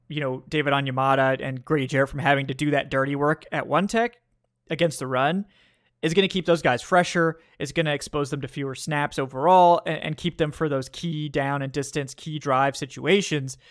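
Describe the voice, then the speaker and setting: A man's voice: a little high, a bit bright, dry recording, studio quality. A young adult man hosting a podcast, giving a casual football analysis monologue with lots of fillers and restarts. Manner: conversational, frequent fillers and restarts. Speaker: podcast host.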